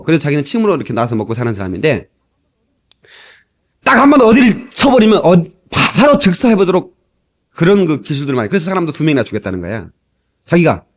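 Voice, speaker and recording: A middle-aged man preaching a storytelling sermon, acting out the people he quotes, from an old cassette tape. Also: sits high. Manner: animated, acts out quoted people. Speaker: pastor.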